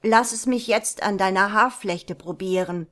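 A cunning young lad from an old fairy tale talks his way out of danger, voiced by a woman reading the story. His words are sly and smooth, spoken at a slow pace. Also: medium pitch, fairly bright tone, lightly acted. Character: cunning young peasant lad, calm trickster.

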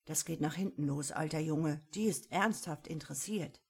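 A woman's voice: deep voice, darkish tone, heavily acted. Paule, a grumpy goblin punk, voiced by a woman. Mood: grumbling. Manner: slow, gruff and resigned. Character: grumpy cheeky male kitchen goblin punk.

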